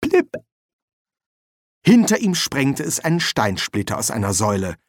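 An audiobook narrator reading a comic fantasy story in a measured, expressive way. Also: medium pitch, no echo. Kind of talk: scripted narration.

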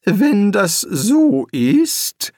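A man's voice: high voice, sing-song, drawn-out words, darkish tone, dry recording, studio quality, voice pushed up, exaggerated voice. A man reading an audiobook, voicing a nervous, cowardly male wizard who is wary and sly. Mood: condescending. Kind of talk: audiobook character voice.

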